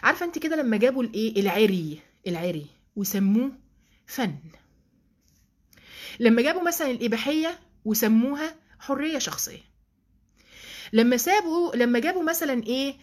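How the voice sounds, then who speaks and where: This woman, speaking with an Egyptian accent, teaches a religious lesson full of rhetorical questions, check-ins with listeners, and warm, emphatic asides. Her fairly high voice is animated and fairly quick, with frequent pauses.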